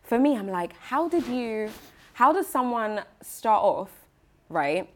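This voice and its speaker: A young woman hosting a casual interview podcast, asking questions and affirming with quick fillers. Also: a little high, sing-song. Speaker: podcast host.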